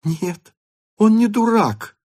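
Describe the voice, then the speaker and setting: A man reading an audiobook aloud and voicing an excitable, pleading teenage girl in a high, breathless, insistent voice. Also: moderate pace, husky, dry recording, studio quality.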